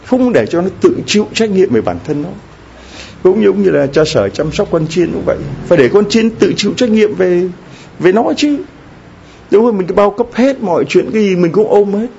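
Warm-voiced priest preaching. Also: male voice, high-pitched, animated, normal speed, vocal fry. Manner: conversational preaching with frequent rhetorical questions to the congregation. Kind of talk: sermon. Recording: slightly dull lo-fi recording with faint background noise.

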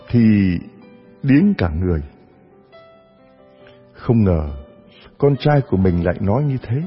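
A man narrating a folk tale in an earnest, storytelling manner. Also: mid-range voice. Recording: long reverb, dull lo-fi sound, faint music.

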